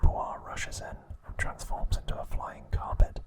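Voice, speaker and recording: An ASMR host whispers his narration in a hushed, breathy voice, using short, measured phrases. He recounts summaries of episodes.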